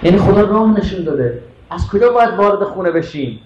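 A man's voice: high-pitched, lively intonation. A man preaching a sermon with passion, firing rhetorical questions at his listeners. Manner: impassioned, rhetorical questions to the audience. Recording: echoey muffled hall recording with faint noise.

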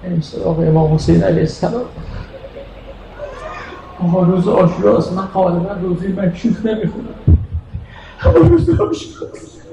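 A man delivering a mourning sermon, narrating in plain speech and breaking into shouted, wailing chant. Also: creaky, long pauses, background noise. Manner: rises into shouted wailing chant, then drops to low narration. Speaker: eulogist. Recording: echoey, distant mic, faint ambience.

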